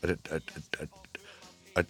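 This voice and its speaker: Soft music plays behind an older male guest being interviewed in a studio with headphones and a studio microphone. His tone is fairly bright, and his casual speech is full of stammers, repeated words and restarts.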